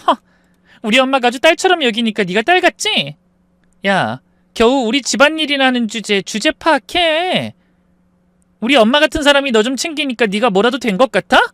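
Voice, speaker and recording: A haughty rich daughter in an audio story, voiced by a man. She sneers and scolds with open contempt. The tone climbs high and the recording is dry. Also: big pitch swings, fairly quick, few pauses, bright, forceful tone, clear, resonant tone, no room sound, exaggerated voice. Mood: contemptuous.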